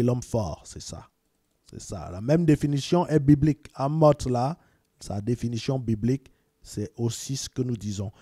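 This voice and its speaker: A man's voice: mid-range voice, mellow, no echo, studio quality. A man from Cameroon talks casually to viewers, repeating words and sending greetings as he explains. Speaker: video presenter.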